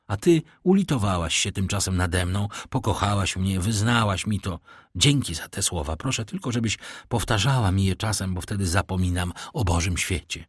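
A man's voice: sits low, expressive, normal speed, husky, dry recording, clean studio sound. A man voicing a devoted young man in love, reading his lines from a novel in a fervent, pleading way. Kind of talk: audiobook reading.

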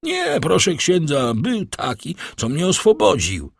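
A frightened, stammering thief pleads his case in an audiobook scene, a man putting him on. The voice climbs high and swings wildly with panic, keeping a husky edge. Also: huge pitch swings, a little slow, dry recording, clean studio sound, heavily acted. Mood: pleading. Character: terrified cornered male thief, pleading. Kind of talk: audiobook character voice.

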